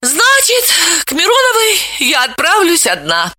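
Woman doing a bratty young woman, high and shouty, bright voice. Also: wildly swooping pitch, a little slow, no room sound, clean studio sound, heavily acted. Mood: defiant, brash. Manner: loud, exclamatory, cheeky. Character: brash young woman, defiant and provocative. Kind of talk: audiobook character voice.

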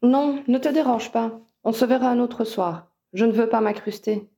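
A woman reading aloud and voicing a sulky young male wizard wary of the non-magic world, in a mellow voice. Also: a little high, normal speed, vocal fry. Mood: grumbling. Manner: sulky, reluctant.

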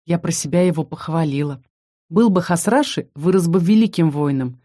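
Woman, audiobook narrator, first-person fantasy story, expressive, warm dark tone. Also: low-pitched, moderate pace.

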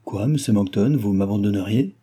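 An earnest, distressed young heiress from a classic novel, given voice by a male reader. She pleads her case in a raised, careful tone over a dark, husky vocal base. This is storybook narration from an audiobook. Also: lowish voice, fairly quick. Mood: pleading.

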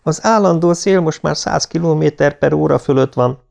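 An anxious young female technician reports in quick, worried bursts, as a male narrator puts her on. Her voice is pitched high over a gravelly grain. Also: a little mellow.

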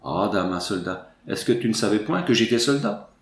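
A booming young country soldier, put on by a man, hearty and blunt. His voice sits low and rings through a roomy space. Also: lively intonation, normal speed, a little hiss or hum. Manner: boisterous, booming country talk. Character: loud rustic young male soldier, jovial and blunt.

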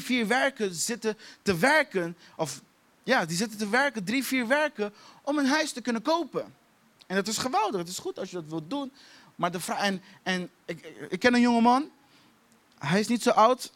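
A man's voice: sits high, fairly bright tone. A man preaching a sermon, repeating key phrases for emphasis and laughing at his own stories. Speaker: pastor.

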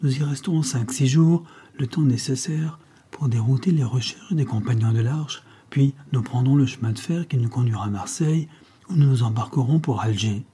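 A man reading the part of a tall, thin, shifty male trader who talks gruffly and in a hurry. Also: mid-range voice, normal speed, warm tone, close to an everyday voice. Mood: scheming.

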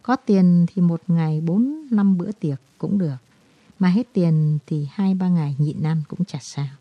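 Storybook figure: broken, guilt-ridden man, halting confessions, read by a woman in a dry, dull take. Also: on the low side, dry recording. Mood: despairing.

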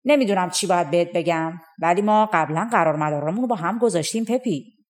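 A woman's voice: lowish voice, lightly acted. A woman voicing a fussy, stingy farm steward in a folk tale.

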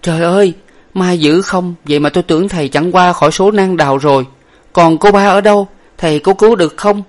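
A gentle young woman in a storybook, voiced by a male narrator, speaking in a raised but soft voice. Her is plain. She talks quietly and earnestly. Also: fairly high pitch, fast, few pauses, voice pushed up, lightly acted. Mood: relieved.

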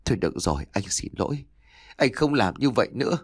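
A man's voice: medium pitch, big pitch swings, quick pace, breathy edge, no echo, studio quality. A man voicing a tired, anxious young husband who talks in a soothing, pleading way.

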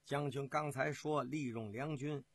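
A man telling a traditional historical story in a lively, rhythmic manner, with drawn-out fillers. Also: medium pitch. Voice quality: husky.

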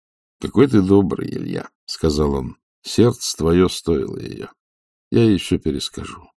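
A man voicing a steady, practical friend with a calm, reassuring manner. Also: low-pitched, measured pace, creaky, no room sound, clean studio sound, exaggerated voice.

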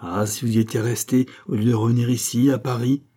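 A man's voice: mid-range voice, fairly even intonation, brisk, mellow, lightly acted. A man voicing a gracious, kindly king in an audiobook. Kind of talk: audiobook character reading.

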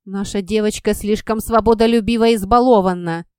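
A woman voicing a stern, angry aristocratic father who barks harshly in a lowered voice. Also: normal speed, warm tone, clean tone, dry recording, clean studio sound, natural voice. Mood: furious.

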